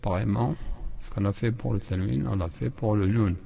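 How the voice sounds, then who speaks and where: A man's voice: fairly low pitch, brisk, creaky, warm tone, breathy edge, big-room sound. A man teaching the rules of Quran recitation, explaining patiently and repeating syllables again and again, with chanted examples. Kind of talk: tajwid lesson with chanted examples.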